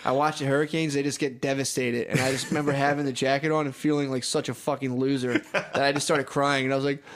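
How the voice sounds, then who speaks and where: A man co-hosting a podcast, telling stories in casual comedic chat and breaking into whiny crying voices. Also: fast talker. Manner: animated storyteller, breaks into high whiny crying impressions. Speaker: podcast co-host.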